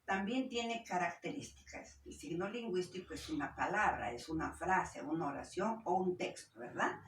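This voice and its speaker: A woman teacher giving a language lesson, explaining slowly, splitting words into syllables and checking in with her pupils. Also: lowish voice, lively intonation. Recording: roomy echo, voice from a distance, faint background hiss.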